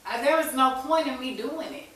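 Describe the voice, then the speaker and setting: Her voice is high and brisk, with lively intonation. She's in her thirties and, as an interview guest, recounts a candid personal story in an informal, chatty way, often saying "you know." A distant mic leaves the recording echoey with faint hiss.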